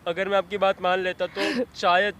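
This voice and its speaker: A man plays a remorseful young son, his voice pitched high as he pleads and keeps calling for his mother. A faint hum of noise sits under the lines in this drama skit. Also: flat delivery, moderate pace, a bit bright. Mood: pleading.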